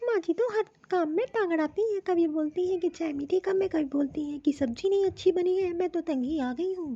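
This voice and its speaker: A woman's voice: very high-pitched, darkish tone. A woman voicing a touchy young city daughter-in-law. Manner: curt, complaining. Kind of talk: cartoon voice acting. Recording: dull, dry lo-fi recording.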